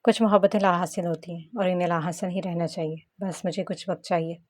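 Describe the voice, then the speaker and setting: A woman's voice: lowish voice, steady tone, fast talker, a little mellow, no room sound, clean studio sound, natural voice. Woman voicing a sulky young man. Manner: muttering, sulky. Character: young man, brooding, lovesick and defensive.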